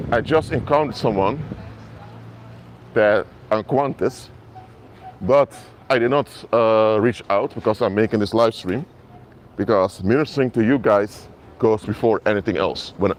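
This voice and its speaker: Slight background noise accompanies this man's medium-pitched, expressive voice at a moderate pace. A minister whose first languages are Papiamento and Dutch, he preaches earnestly outdoors in a city to live-stream viewers on a mobile phone, repeating himself and addressing them directly.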